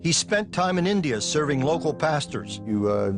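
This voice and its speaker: A male television reporter reading scripted news narration in an even, polished way. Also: fairly high pitch, normal speed, music in the background.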